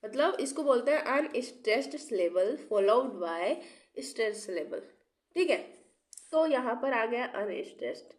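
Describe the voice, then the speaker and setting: A young woman with a slightly high voice teaches an exam-prep lesson while unwell, coughing now and then. She poses rhetorical questions, repeats each key term and keeps checking in with her students. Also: animated, normal speed. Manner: checks in often with "theek hai". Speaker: English literature teacher.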